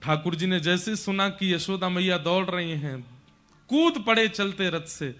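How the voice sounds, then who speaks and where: A man's voice: high voice, expressive, measured pace, fairly bright tone. A man narrating a devotional story in an emotive, dramatic way. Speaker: religious storyteller. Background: faint music.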